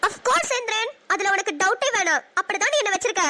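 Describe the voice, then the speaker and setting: A woman voicing a teasing, emotional young wife in a cartoon, quick and sarcastic. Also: extremely high pitch, lively intonation, sharp tone, exaggerated voice. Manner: sarcastic, quick, prone to sobbing. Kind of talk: cartoon voice acting.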